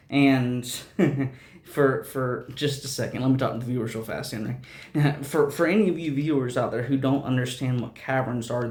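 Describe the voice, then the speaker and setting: A man's voice: medium pitch, darkish tone. A man hosting a casual gameplay video who stammers, repeats words, hums to himself and laughs often. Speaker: gaming channel host. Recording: roomy echo.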